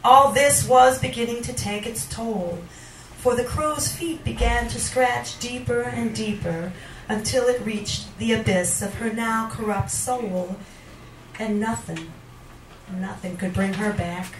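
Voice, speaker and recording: In a small bar, a middle-aged woman is the featured reader, performing her poetry with a handheld mic in a theatrical, slow, deliberate way. Her voice is a little high. The sound, picked up by a camera at a distance in the room, is roomy and noisy.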